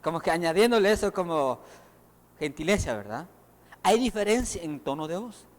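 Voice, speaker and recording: Preacher, male, high voice, lively sermon delivery, long church-hall reverb. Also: moderate pace. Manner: animated, acts out quoted voices.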